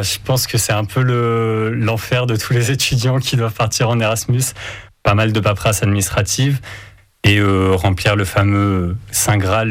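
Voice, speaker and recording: A young male student answering radio interview questions, hesitant with many fillers. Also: lowish voice. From France. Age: young adult.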